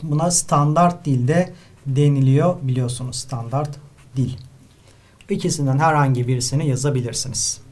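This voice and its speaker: A man's voice: medium pitch, steady tone, brisk, darkish tone. A male literature teacher from Turkey working through an exam paper step by step, writing as he talks and often turning to his students. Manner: explains step by step, addresses students often, writes while talking. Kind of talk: exam-review lesson.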